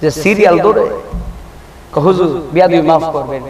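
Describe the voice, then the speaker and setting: A man with a preaching an Islamic sermon, swinging between loud emphatic peaks and low asides to the crowd. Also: moderate pace, creaky, a little hiss or hum. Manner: emphatic, alternates shouting highs with low asides, chides listeners. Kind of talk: Islamic sermon at an open-air gathering. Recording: echoey, distant PA sound.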